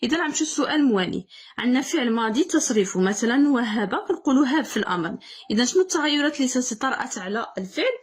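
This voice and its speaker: A woman's voice: a little high, lively intonation, very fast, husky. A young woman with a Moroccan accent, correcting an exam as a teacher, repeating key words and answering her own questions.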